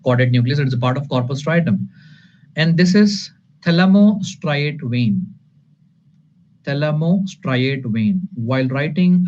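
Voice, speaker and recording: An anatomy lecturer with an Indian accent gives a live online exam-prep lecture, mixing English and Hindi and calling his students "sir" and "guys." He is emphatic and repetitive, his voice medium-pitched and slightly mellow. The audio is dull and lo-fi with light noise.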